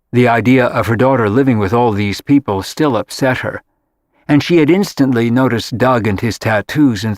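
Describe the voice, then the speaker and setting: A man's voice: medium pitch, no room sound. Man reading an audiobook, dry sound. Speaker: audiobook narrator. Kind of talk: scripted narration.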